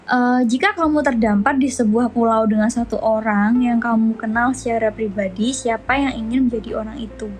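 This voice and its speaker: A woman's voice: a little high, steady tone, normal speed, darkish tone, slight background noise. A young woman, telling a story animatedly as co-host of a casual chat. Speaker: podcast co-host.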